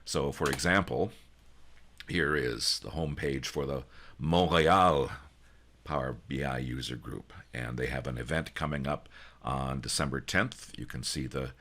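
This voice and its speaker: A man's voice: very deep voice, a little slow, fairly bright tone. A man hosting an online user group meeting, casual and joking, with frequent ums and restarts, heard over a video call. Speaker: user group organizer and host.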